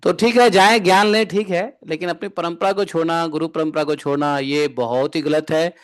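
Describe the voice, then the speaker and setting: A man's voice: fairly high pitch, fairly even intonation, normal speed. A man giving a devotional discourse as a spiritual teacher, bantering and often asking his listeners rhetorical questions.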